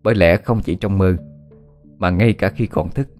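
Male storyteller, low voice, steady ghost story narration, faint music underneath. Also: moderate pace.

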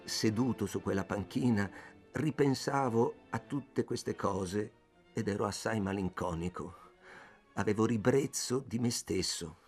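A male audiobook reader giving a dramatic literary narration. His first-person telling is intense, moving between hushed, gloomy passages and sudden agitated surges. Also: on the low side, unhurried, faint music behind.

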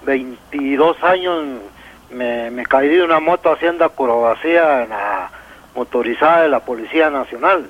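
A man's voice: medium pitch, moderate pace. A man in his fifties with a Guatemalan accent calls in to a radio show, speaking politely and hesitantly. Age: 50s. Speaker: caller. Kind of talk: phone-in chat. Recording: phone-like radio line.

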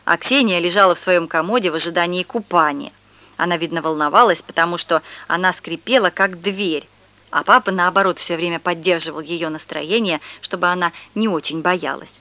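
A woman narrating a children's story aloud in the first person, with lively expression. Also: on the low side, a little fast, no room sound. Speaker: audiobook narrator.

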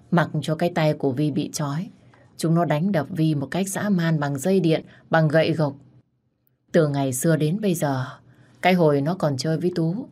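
A woman narrating a dramatic story in a steady voice. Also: deep voice. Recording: faint background music.

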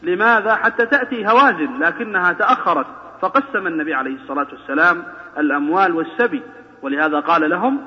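A man with a somewhat high voice delivers a religious lesson, often posing questions to his listeners and pressing his points with rising emphasis. The sound is thin and phone-like, with a long hall reverb trailing behind him. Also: fast talker. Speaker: sheikh lecturing on the Prophet's biography.

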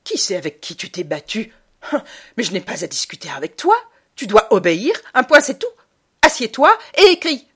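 A woman's voice: mid-range voice, animated, unhurried, pauses often, lightly acted. A woman voicing a stern, cold mother in an audiobook, with curt, commanding speech. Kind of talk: audiobook character voice.

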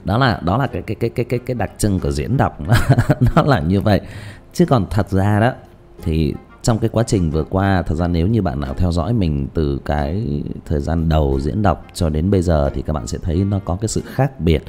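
Guy chatting on his livestream, lots of restarts, warm voice, soft music behind. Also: sits low, expressive, a little fast. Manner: rambling, with frequent restarts and repeated words. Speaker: livestream host and ghost story reader. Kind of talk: casual livestream chat. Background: faint background music.

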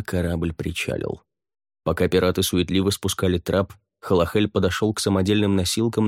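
A man narrating a fantasy audiobook in an even, measured reading. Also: low-pitched, dry recording, studio quality.

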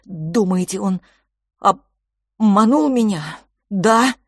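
A woman's voice: medium pitch, expressive, no echo, pitched above the performer's own voice. A woman voicing a frightened young boy close to tears who stammers and breaks off mid-sentence. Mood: frightened halting. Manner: halting, stammering, unsure.

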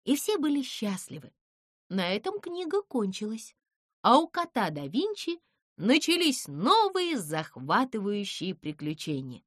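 Animated woman narrating a storybook. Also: a little high, unhurried, dry recording, studio quality. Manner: expressive, animated reading.

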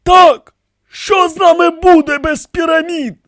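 This is an ancient, frail high priest from an audiobook. He wails in a shrill, quavering voice pushed far above a man's range. He drags his words out slowly and half-shouts them, close and dry. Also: fairly even intonation, dry recording. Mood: urgent. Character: ancient frail male high priest, seven thousand years old. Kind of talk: audiobook character voice.

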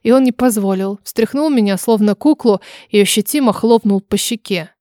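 A woman narrating a story in first person, reading in an expressive, dramatic way. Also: mid-range voice, normal speed, no echo, studio quality. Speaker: audiobook narrator.

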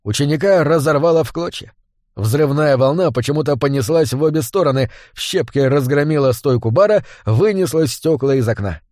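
A man reading a story aloud as an audiobook narrator, in a steady storytelling voice on a close mic. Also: fairly high pitch, fairly quick, no echo.

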